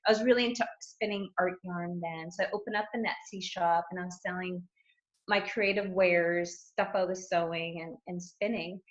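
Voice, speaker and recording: A woman's voice: on the low side, fairly even intonation, normal speed. A middle-aged woman, a guest coach, chatting casually in an interview, rambling and laughing often. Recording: roomy, dull lo-fi sound.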